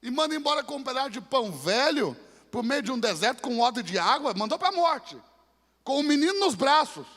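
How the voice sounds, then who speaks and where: A man preaching a dramatic sermon, swinging from hushed asides to shouted climaxes. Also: very high-pitched, sing-song, brisk. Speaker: pastor. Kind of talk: impassioned sermon. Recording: long church-hall reverb.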